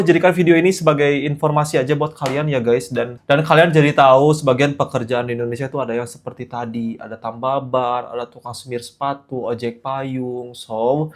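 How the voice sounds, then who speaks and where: A young man talks straight to his viewers in a relaxed vlog. His tone is earnest and reflective, and he drops casual slang into his talk. His voice sits at an ordinary pitch for a man. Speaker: vlogger host.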